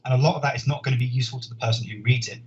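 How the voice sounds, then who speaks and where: A man, a software engineer, giving a conference talk in an earnest, explanatory way, often repeating words as he thinks. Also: medium pitch, steady tone, racing. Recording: dull lo-fi sound with faint noise.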